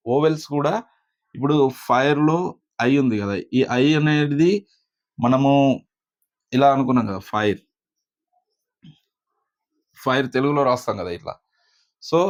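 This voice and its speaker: A man teaching a spoken pronunciation lesson, explaining slowly with many pauses and fillers. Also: mid-range voice. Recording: slightly dull lo-fi recording.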